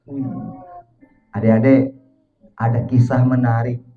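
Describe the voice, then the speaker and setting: Guy telling a story to kids, animated and dramatic, echoey room w bit of music. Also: mid-range voice, takes it slowly, narrow, tinny audio. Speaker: children's storyteller. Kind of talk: religious storytelling for children.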